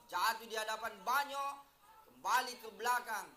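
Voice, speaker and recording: A man's voice: high-pitched, normal speed, pushed and bright, roomy sound, soft background music. A man giving live football commentary in short, separated phrases, like a stadium announcer.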